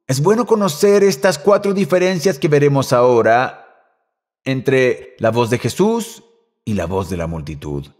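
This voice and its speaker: A male pastor delivering a sermon with a lively, wide-ranging voice that sits a little higher than most men's. He moves from emphatic, raised lines down to soft, hushed ones. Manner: dramatic, swings from emphatic calls to hushed near-whispers.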